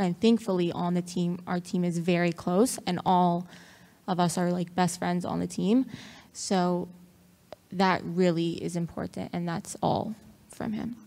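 A teenage girl, a high school basketball player, answering in a chatty way full of "like" fillers on a handheld mic in a large sanctuary. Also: darkish tone. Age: teens. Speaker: student athlete. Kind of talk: interview answer. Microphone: handheld microphone. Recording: long hall reverb.

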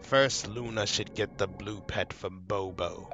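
A man voicing a solemn ancient spirit guide from a fantasy game in a grave, measured, hushed way. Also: on the low side, vocal fry, dull audio, music in the background, voice pushed down.

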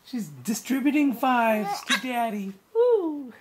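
A woman cooing high, sing-song baby talk at home, her voice leaping up and down as she coaxes. She draws out each word very slowly with a creaky edge, heard a little off the mic. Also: big pitch swings. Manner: sing-song coaxing, squealing. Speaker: parent playing with baby.

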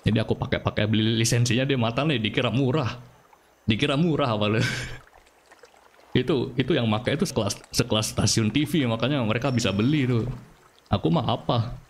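A man's voice: mid-range voice, fairly quick. A man from Bali with a Balinese accent, chatting casually on a live stream, answering viewers while he plays and laughing often. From Bali, Indonesia.

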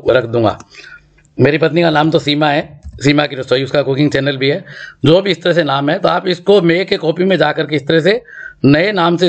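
Teaching finance in an indoor room with a blackboard, a middle-aged man goes over the key numbers step by step, alternating between the board and a screen walkthrough. He's a stock market educator with a slightly hoarse voice from a throat infection, a little high in pitch, and the space is reverberant.

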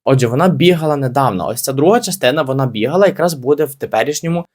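A young man runs through a grammar lesson at a brisk clip. He explains patiently, repeats the key points and keeps reassuring beginners. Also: mid-range voice, lively intonation. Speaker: English teacher.

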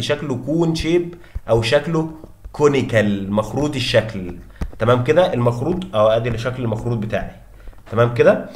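A young man with an Egyptian Arabic accent tutoring dental anatomy, repeating each point and quizzing listeners with rhetorical questions. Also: mid-range voice. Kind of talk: fast teaching lecture.

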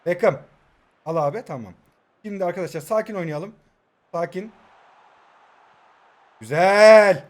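A man in his twenties giving excitable live commentary on his mobile football match, shouting at players and muttering asides. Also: sits high, fairly quick, long pauses. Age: 20s.

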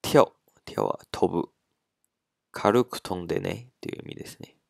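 A man with a very low, gravelly voice gives a language lesson in an easy spoken manner. He goes slowly, stretching out each syllable as he drills the sounds. The recording is dry and close. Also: wildly swooping pitch, darkish tone, dry recording. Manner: slow, careful, drawn-out pronunciation drills. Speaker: language teacher.

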